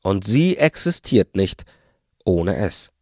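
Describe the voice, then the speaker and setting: A man voicing a wise, passionate male forest sage who lectures and is quick to indignation. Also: low-pitched, big pitch swings, no echo, studio quality, exaggerated voice. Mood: lecturing.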